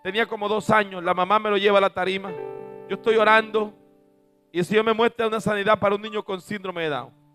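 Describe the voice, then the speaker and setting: High-voiced, bright male preacher. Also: fairly even intonation, fast talker, soft background music. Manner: swings from booming shouts to soft asides. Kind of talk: sermon with storytelling.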